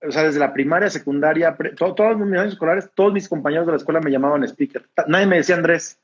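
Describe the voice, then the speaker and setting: A man's voice: fairly high pitch, fast, slightly rough, highs cut off. A Mexican man who is a preacher, talking casually in an interview with a smiling, laughing tone. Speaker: preacher, guest.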